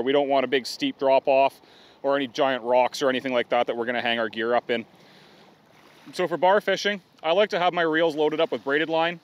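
A middle-aged man, giving a practical outdoor how-to on a riverbank, with plain explaining and some fillers. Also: on the high side. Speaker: fishing guide demonstrating gear.

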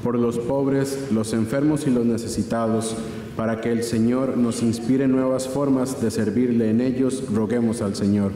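A man's voice: medium pitch, fairly even intonation, moderate pace, a crowd in the background. Man reading prayers in cathedral echo. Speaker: reader of prayer intentions. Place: large church, indoors. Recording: cathedral echo, long church reverb.

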